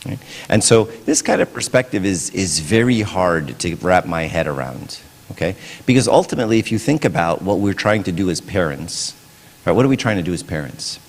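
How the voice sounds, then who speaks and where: In a church with long reverb, a man delivers a casual, conversational sermon, often checking in with the congregation by asking "right?". His low, gravelly voice has lively intonation and a moderate pace.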